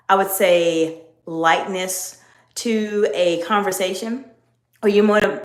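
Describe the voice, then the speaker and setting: A middle-aged executive coach teaches viewers about leadership on a live stream, using a measured, emphatic tone. Her voice is mid-range, and the room sounds echoey.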